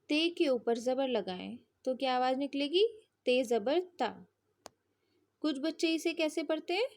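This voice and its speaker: Female teacher, young class; high voice, slow and patient drilling. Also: a little mellow. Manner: patient, drawn-out spelling drills with frequent check-ins. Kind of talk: slow children's lesson.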